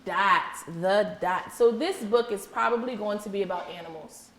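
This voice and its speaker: In an echoey indoor classroom with faint background noise, a woman teacher leads an interactive read-aloud for young children. Her medium-pitched voice is fairly bright and moves at a moderate pace as she encourages and praises them, repeating simple questions and instructions.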